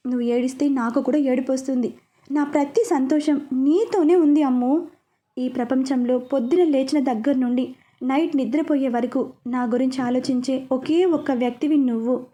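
A woman voicing a protective, loving young man in a spoken story, talking earnestly and gently. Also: sits high, steady tone, normal speed, lightly acted. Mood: tender.

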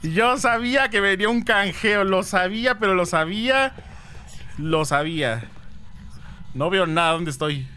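A man's voice: sits high, a little slow, pushed and bright, clean tone. A man streaming a ghost-hunting game, chatting with viewers and thanking them, with dramatic exclamations. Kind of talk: live game stream with chat.

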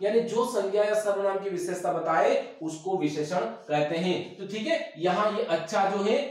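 A man teaching a board exam grammar lesson, dictating definitions slowly and repeating them. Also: high voice. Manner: slow, repetitive dictation of definitions. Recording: echoey room, mic far off.

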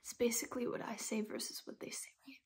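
A young woman acting a dramatic monologue as a distressed, ashamed young woman, with halting, tragic sorrow in her fragile voice. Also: fairly high pitch, fairly even intonation, whispered. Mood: hopeless. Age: young adult. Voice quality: breathy, husky, fragile.

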